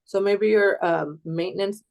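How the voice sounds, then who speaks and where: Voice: mid-range voice, steady tone, a little slow, gravelly. A nutrition coach talking on a group video call while the audio keeps cutting out. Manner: encouraging, chatty, many fillers. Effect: breaking-up internet call audio, voice cutting out.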